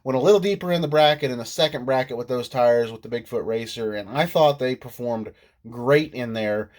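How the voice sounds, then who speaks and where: Male vlogger with a head cold, nasal tone, mid-pitched, chatty and self-deprecating, casual recap. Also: brisk, a little mellow. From Illinois. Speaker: RC monster truck vlogger. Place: indoors at home.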